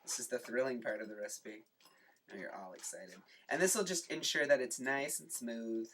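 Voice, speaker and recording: Playful, bright-voiced cooking show host. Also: mid-range voice, normal speed. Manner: playful, deadpan jokes, rambling asides. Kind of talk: jokey home cooking demo. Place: home kitchen.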